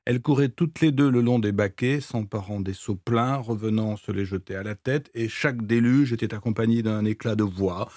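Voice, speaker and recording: A man's voice: on the low side, no room sound, studio quality. Man reading a novel aloud expressively. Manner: measured, expressive storytelling. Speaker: reader.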